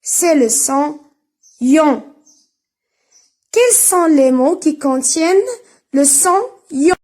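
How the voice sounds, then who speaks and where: A woman teaching a reading lesson, speaking slowly and spelling out sounds and syllables one at a time with careful enunciation. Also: high-pitched, a little mellow.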